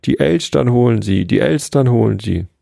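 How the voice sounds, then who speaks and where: A man's voice: lowish voice, moderate pace, gravelly, mellow, no room sound, clean studio sound. A man voicing a cheeky small boy who calls out teasing remarks, in a read-aloud storybook. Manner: teasing, calling out.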